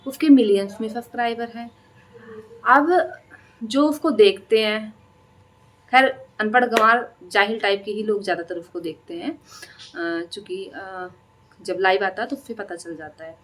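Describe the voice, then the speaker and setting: A woman's voice: medium pitch, a little slow, a bit bright, slight background noise. A woman reaction vlogger delivering a scolding, taunting monologue that is full of rhetorical questions.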